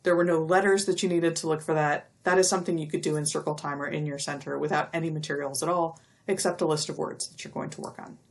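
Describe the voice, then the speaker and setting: A middle-aged woman giving a recorded lecture, explaining step by step and stretching out speech sounds slowly to demonstrate them. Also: low voice, steady tone. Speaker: university lecturer.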